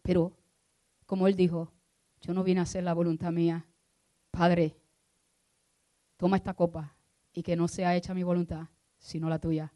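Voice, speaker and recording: A woman minister preaching a sermon, moving from hushed prayer to loud, fervent exhortation. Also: fairly low pitch, level tone, normal speed, long pauses.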